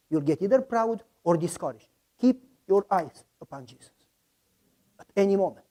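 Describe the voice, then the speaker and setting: A man's voice: high-pitched, mellow. A pastor preaching to his congregation in a storytelling way. This man acts out each quoted line with dramatic flair. His English has small grammar slips, as from a speaker who is not native. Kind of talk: sermon storytelling.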